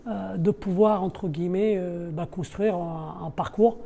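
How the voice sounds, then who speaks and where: In a podcast interview, a middle-aged man who serves as deputy sporting director of a football club explains his work off the cuff, searching for words and repeating himself since French isn't his native language. His voice is high, creaky and mellow, with a steady tone and measured pace, over slight background noise.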